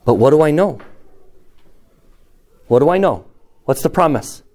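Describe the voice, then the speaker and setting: A man teaching a scripture lesson to a group, asking his listeners questions in a slow, emphatic way. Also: fairly high pitch, expressive, a little mellow. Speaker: church teacher.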